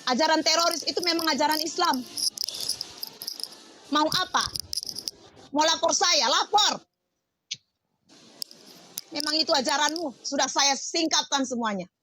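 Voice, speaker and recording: A woman's voice: high-pitched, a little slow, pauses often, background noise. A woman pastor preaching on a livestream, confrontational and firing off rhetorical questions.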